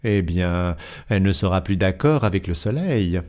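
A man voicing a male police inspector in an audiobook, asking questions in a measured, deliberate way. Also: sits low, lively intonation, darkish tone. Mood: probing. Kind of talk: audiobook character voice.

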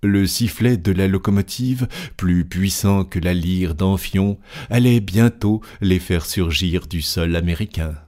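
A man narrating an audiobook in a steady, deliberate storytelling manner. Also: deep voice. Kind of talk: scripted narration.

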